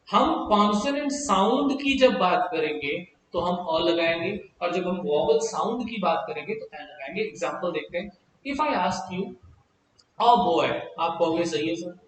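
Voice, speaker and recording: A man with an Indian accent teaching an English grammar lesson, mixing Hindi with English and slowly drawing out the example words. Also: sits high, slight background noise. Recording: very echoey room, mic far off.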